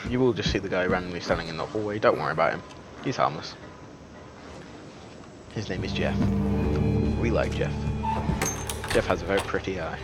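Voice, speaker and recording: A man's voice: low voice, brisk, long pauses, loud music behind the voice. A man giving casual, joking gameplay commentary as a streamer, chatty and self-deprecating with lots of fillers. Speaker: game streamer.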